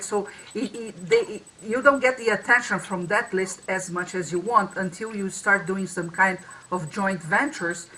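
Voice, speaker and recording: A woman co-hosts a casual marketing webinar over a video call, her medium-pitched voice bright and forceful. She speaks loosely, with many restarts and fillers. The recording is rough, with slight background noise.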